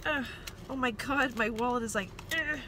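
A vlogger talks casually and self-deprecatingly to her phone, which is clipped to the dashboard vent of her car, rambling and restarting sentences in a fairly high voice at a moderate pace. This car vlog monologue was recorded at night, both parked and driving, with loud car and road noise.

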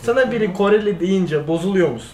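A young man with a high voice co-hosts in casual banter. The recording is echoey, with faint noise behind him. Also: lively intonation, fast talker. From Italy or Turkey. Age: young adult. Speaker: co-host. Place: indoor lounge set on a sofa.

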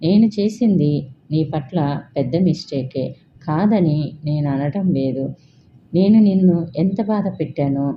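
A woman's voice: low voice, lively intonation, measured pace. A woman voicing a young male boss who pleads with the woman he loves, in an urgent, pleading manner. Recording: dull, faintly hissy recording.

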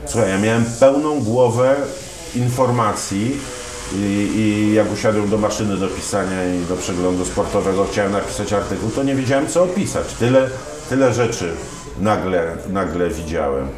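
A man in his fifties, a sports commentator appearing as an interview guest, speaks at normal speed in a lowish voice through a lapel mic. He tells stories easily with many fillers and restarts in a relaxed conversational interview, indoors in a dim room lined with wine shelves, where the sound is roomy with music behind.

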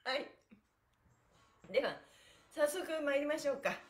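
A middle-aged stretching instructor runs a casual live exercise lesson on her livestream, counting out chants, a little hoarse after a performance and party the night before. She speaks a little slowly in a high-leaning voice with lively pitch swings, staying chatty, cheerful and very polite. The camera sits a little distant in a small room with bare walls, giving an echoey sound.

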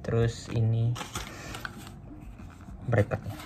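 A man's voice: medium pitch, completely flat delivery, takes it slowly, heavy background noise. A young man casually chatting to viewers while unboxing a phone holder in a small room beside a motorbike. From Indonesia. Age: young adult. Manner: chatty, addresses viewers as guys. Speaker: motovlogger reviewing a phone holder. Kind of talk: casual Jakarta-slang unboxing chat.

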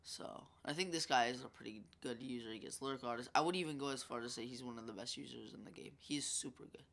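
A young gaming YouTuber with a congested, gravelly, slightly bright mid-range voice talks fast as he comments on his own football video game match. He is chatty and rambling, filling his speech with fillers.

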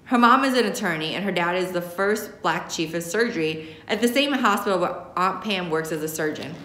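An American teacher reads a young adult novel aloud with lots of expression in a roomy indoor classroom, picked up by a camera a short distance away. Her voice sits fairly low, moves a little fast, and has a sharp edge.

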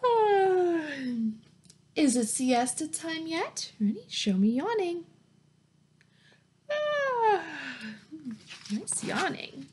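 Her voice is extremely high with big pitch swings and a darkish tone, and she speaks extremely slowly with long pauses. She's a woman in her thirties reading a picture book to young children as a teacher, encouraging and sing-song, asking simple questions and offering praise. A webcam or laptop mic at arm's length records her in a small, plain room at home.

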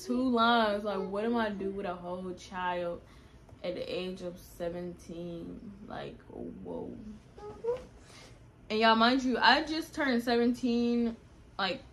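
A woman's voice: mid-range voice, fairly bright tone. Young woman vlogger, casual and chatty, mid-range voice, faint home noise behind. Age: young adult. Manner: chatty, addresses viewers as y'all. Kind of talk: casual storytime.

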